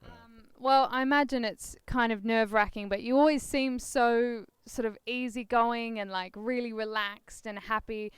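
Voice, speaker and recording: A woman hosting an interview, asking polite questions with soft fillers. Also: a little high, fairly even intonation, normal speed, few pauses, smooth, no echo. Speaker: interviewer host.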